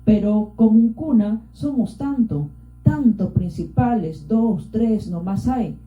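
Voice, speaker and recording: A woman's voice: fairly high pitch, takes it slowly, soft background music. A woman voicing a defiant male Andean villager, a horn player rousing the others in broken rural speech. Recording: roomy, dull lo-fi.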